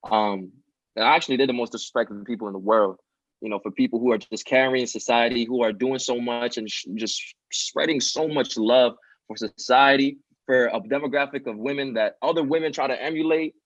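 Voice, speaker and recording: At a brisk pace and medium pitch, this twenty-year-old student nonprofit founder talks sincerely as a guest in a relaxed podcast interview, frequently saying "um" and "you know." The sound is dry, dull, and lo-fi.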